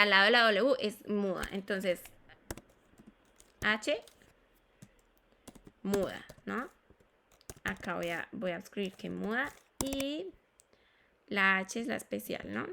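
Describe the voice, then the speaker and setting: This mid-range, creaky voice has a sharp tone and a faint hiss or hum behind it. Explaining classroom phonetics, she teaches English pronunciation at a slow, deliberate pace, spelling out sounds, repeating words, and checking on her students.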